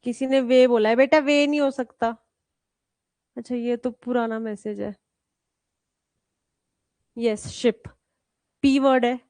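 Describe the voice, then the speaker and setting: During a live grammar class, an Indian woman teacher with an Indian English accent explains spelling rules, quizzing her students and addressing them as "beta" while switching between Hindi and English terms. Her fairly high, darkish voice stays steady and slow with frequent pauses and no echo.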